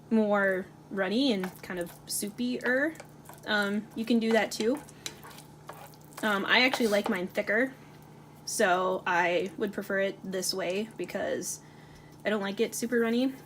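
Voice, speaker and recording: A cooking channel host with a mid-range, fairly bright voice chats casually in her home kitchen. She stirs a pot as she talks, using many fillers. Audible kitchen noise includes the sounds of frying and stirring.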